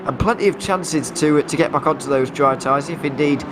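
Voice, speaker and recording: A man's voice: fairly high pitch, normal speed, background noise. A man with an English Midlands accent giving live commentary on a racing event. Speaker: motorsport commentator.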